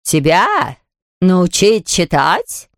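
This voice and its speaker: A narrator voicing a grumpy, self-important poet in a storybook reading, irritated and drawn-out. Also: mid-range voice, sing-song, dry recording, studio quality.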